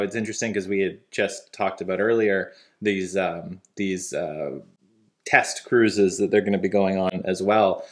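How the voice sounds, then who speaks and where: A man in his thirties co-hosting a casual news chat from a living room couch, talking in a relaxed, easygoing way. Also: deep voice. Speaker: co-host.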